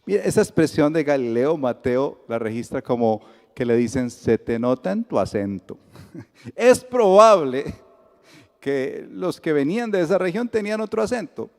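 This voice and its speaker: With a slightly high voice at a normal speed, this Colombian-accented pastor preaches in a church sanctuary with a big-room sound. His storytelling is lively, and he voices the dialogue as he goes.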